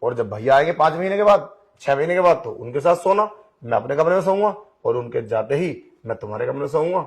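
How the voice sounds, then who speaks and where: A man's voice: a little high, lively intonation, quick pace. A man voicing a pushy blind young man in an audio drama, coaxing and insistent in his talk. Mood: wheedling. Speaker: voice actor. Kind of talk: Hindi audio drama acting.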